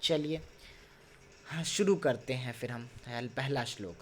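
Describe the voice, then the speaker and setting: A man teaching a Sanskrit class online, patiently explaining and sounding out words slowly, syllable by syllable, with frequent tag questions. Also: mid-range voice, fairly bright tone, a little hiss or hum. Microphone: video call.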